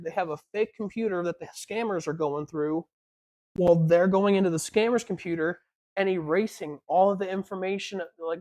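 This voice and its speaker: Rambling, animated podcast co-host. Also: mid-range voice. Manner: rambling, animated storytelling with quoted voices. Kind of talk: casual chat.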